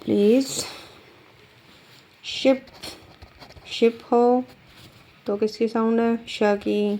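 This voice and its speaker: A woman's voice: a little high, fairly even intonation, extremely slow, dark tone, a little hiss or hum. A woman teaching a shorthand lesson step by step, patiently asking her students questions and then answering them herself, drawing out words as she writes. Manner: drags out words while writing.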